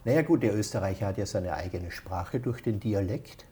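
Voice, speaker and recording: A man in his sixties with an Austrian accent, a guest in a casual interview who explains things at length in a relaxed, matter-of-fact way. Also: fairly low pitch, moderate pace. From Austria, near Vienna. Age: 60s.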